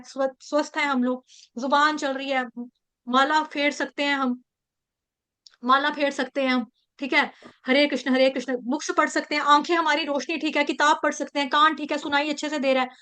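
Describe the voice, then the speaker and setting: Woman spiritual teacher, high bright voice, animated storytelling, scripture class. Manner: animated, acts out quotes in the story.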